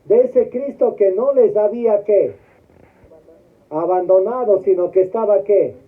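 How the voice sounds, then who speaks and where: A man's voice: high voice, measured pace. A man giving a memorial homily as a priest, putting questions to the congregation and waiting for them to answer. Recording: tinny phone-like sound.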